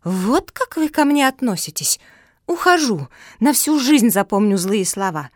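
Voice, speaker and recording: A woman's voice: mid-range voice, big pitch swings, measured pace, darkish tone, no room sound, studio quality, pitched above the performer's own voice. A woman voicing a touchy, dramatic young puppy girl in an audiobook for children. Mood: indignant.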